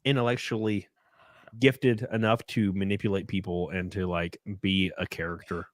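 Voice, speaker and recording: Low-voiced and flat, a male livestream host speaks at normal speed as he reads donations and chats casually. He rambles and curses through his thanks, sounding sniffly and mildly tipsy, with no echo on the recording.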